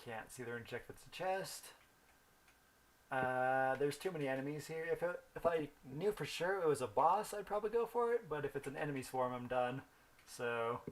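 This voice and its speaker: Thinking out loud about his game, a young male gaming video host rambles through a story in casual commentary. His voice sits a little high and sounds animated, and he talks at a normal speed.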